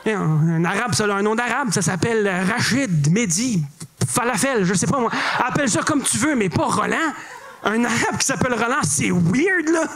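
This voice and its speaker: High-voiced Québécois man doing stand-up. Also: animated, moderate pace, a bit bright, slight background noise. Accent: Québécois French. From Quebec. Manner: playful, self-mocking, punchy delivery. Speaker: stand-up comedian. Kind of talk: stand-up comedy. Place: comedy club stage.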